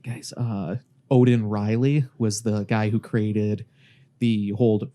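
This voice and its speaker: A man hosting a casual podcast chat, relaxed and telling stories and facts to his friends. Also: lowish voice, slow. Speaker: podcast host.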